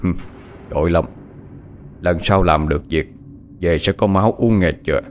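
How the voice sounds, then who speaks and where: A man voicing a sinister, scheming male evil spirit master who speaks in a low murmur. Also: moderate pace, slight background noise, close to an everyday voice. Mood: menacing.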